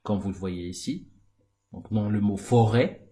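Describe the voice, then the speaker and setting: A male teacher giving a recorded grammar lesson, speaking deliberately and repeating key words for the viewer. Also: on the low side, warm tone.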